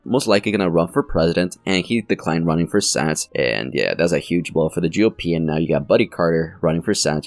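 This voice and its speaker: A man hosts a casual election prediction channel, rambling, correcting himself, and using frequent fillers as he goes. His voice is low-pitched and a little strained and sore, with no room sound.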